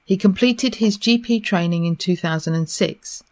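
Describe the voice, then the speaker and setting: A woman's voice: lowish voice, moderate pace, darkish tone. A woman hosting a podcast, introducing and questioning a guest. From Essex, England. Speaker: podcast host. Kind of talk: scripted introduction and interview hosting.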